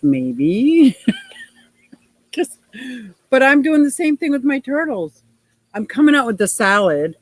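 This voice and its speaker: This casual livestream is hosted by a woman in her 60s with a deep voice, recorded dry. She reads viewers' comments aloud, laughing frequently and gushing playfully.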